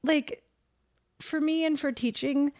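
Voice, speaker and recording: A woman's voice: sits high, fairly even intonation, slow pace, a little mellow. A young woman, a preschool teacher, chatting casually about her recordings, full of filler words and laughter. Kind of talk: casual podcast chat.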